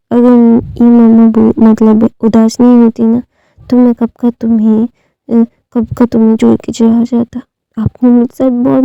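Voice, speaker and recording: A woman retelling a fan fiction story casually, voicing the dialogue with pauses and fillers. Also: a little high, gravelly, mellow, no echo, dull audio.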